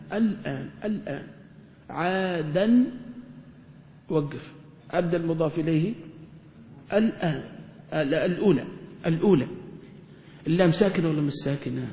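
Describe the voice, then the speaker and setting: A man teaching grammar to a class, asking quick questions and answering them himself. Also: fairly high pitch, mellow. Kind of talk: classroom lesson explaining grammar. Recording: echoey hall recording.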